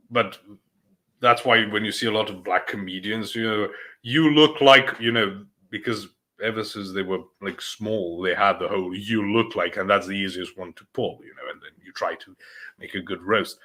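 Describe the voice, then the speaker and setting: Bright-voiced man rambling in casual chat. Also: sits low, steady tone, normal speed. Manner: rambling, hesitant, frequent chuckles. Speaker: podcast co-host.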